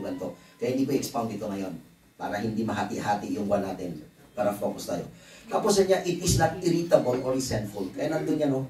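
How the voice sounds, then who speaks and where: A man's voice: medium pitch, darkish tone, reverberant, distant mic, a little hiss or hum, rough recording. A man preaching a conference sermon in a conversational, joking way, with asides to the congregation. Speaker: pastor. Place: church hall.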